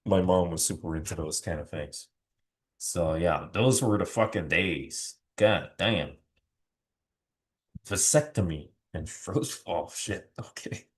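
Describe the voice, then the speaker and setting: A man's voice: low-pitched, slow. A middle-aged man hosting a channel, rambling through casual commentary with lots of swearing and restarts. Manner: rambling, profane, frequent restarts. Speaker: channel host.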